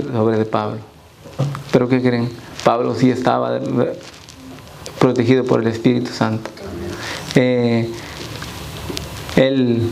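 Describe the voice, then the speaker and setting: A man's voice: mid-range voice, creaky, a little mellow, slight background noise, poor audio. A man leading a church Bible study, reading scripture aloud and quizzing the congregation.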